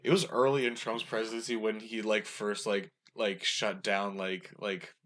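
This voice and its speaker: A man's voice: lowish voice, flat delivery, normal speed, a bit bright. A young man co-hosting a podcast, rambling casually with lots of fillers. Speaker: podcast co-host. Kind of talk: casual chat.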